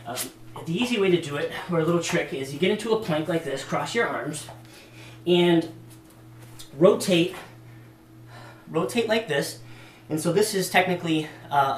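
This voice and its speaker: A man with a slightly high voice demonstrates workout moves as a casual fitness instructor, saying "um" often and sounding a little out of breath. The camera mic sits at a distance, so the room echoes and there's slight background noise.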